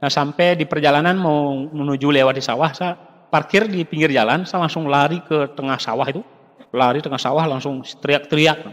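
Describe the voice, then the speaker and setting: A man giving an emotional testimonial at a business seminar, acting out the voices of the people in his story and speaking to the audience as ladies and gentlemen. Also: a little high, a little fast. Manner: animated, acts out dialogue, addresses audience as Bapak Ibu. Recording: long hall reverb.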